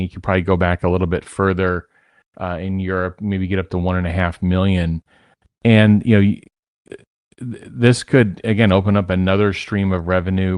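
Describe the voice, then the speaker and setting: A man's voice: low-pitched, dry recording, clean studio sound. A man speaking as a guest commentator, giving conversational analysis.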